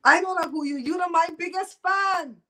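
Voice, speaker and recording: A Belizean host in her fifties with a Creole accent gossips bluntly with live viewers, laughing frequently throughout the casual chat. Her very high, bright voice moves at a normal speed with a forceful tone.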